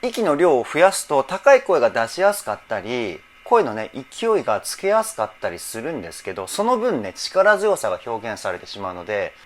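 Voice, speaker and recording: A man's voice: mid-range voice, huge pitch swings, moderate pace, few pauses. A man working as a vocal trainer, analyzing singing in a reaction video, emotional and teary, often laughing. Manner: emotional, repeatedly laughing and moved.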